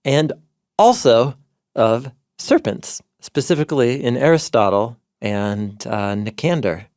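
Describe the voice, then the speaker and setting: A man co-hosting a podcast in an eager, scholarly way, digging into ancient sources. His voice has a gravelly creak and an average pitch. The studio sound is close and dry. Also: animated, slow pace, a little mellow, dry recording. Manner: enthusiastic scholarly explaining, citing ancient sources. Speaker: podcast co-host, Bible teacher. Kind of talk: explanatory podcast conversation.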